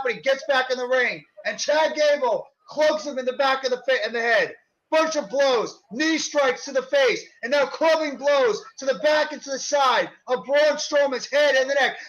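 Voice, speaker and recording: A man working as a wrestling commentator, calling live play-by-play in an excited, exclaiming manner over a stream. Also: very high-pitched. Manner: excited, exclaiming, shouting at big moves. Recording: dull lo-fi online stream audio.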